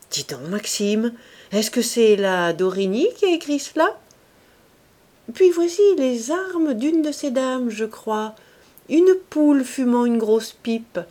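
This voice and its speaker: A woman's voice: medium pitch, a little mellow. A woman reading the part of a teasing, restless young society woman in an audiobook, in a lilting voice.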